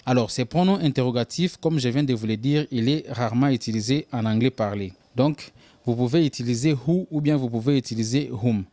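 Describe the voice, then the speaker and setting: Man, language teacher, slow careful repetitions, medium pitch, dry close sound. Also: mellow, no room sound. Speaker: English teacher. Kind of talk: language lesson.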